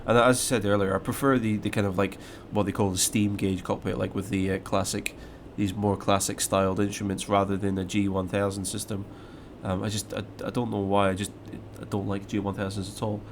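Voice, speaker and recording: A man's voice: lowish voice, little pitch movement, a little fast, hardly any pauses, slight background noise. A young Scottish man with a slight English mix to his accent, chatting casually on a live stream and reading out viewer questions, rambling with lots of fillers and restarts. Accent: Scottish, mixed with English. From Scotland. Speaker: flight sim live streamer.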